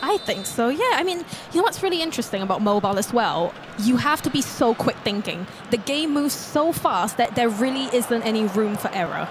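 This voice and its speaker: A woman's voice: on the high side, lively intonation, a little fast, hardly any pauses, background noise. A woman from Singapore giving chatty, enthusiastic colour commentary on an esports football match.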